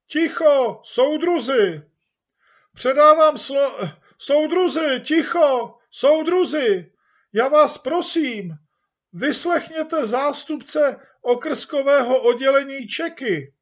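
A man voicing a flustered male chairman in a storybook reading, shouting shrilly for quiet at a rowdy meeting. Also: very high voice, lively intonation, voice pushed up. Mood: frantic.

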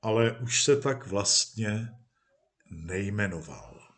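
A man narrating a storybook in a measured, expressive way. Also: medium pitch. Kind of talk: storybook reading.

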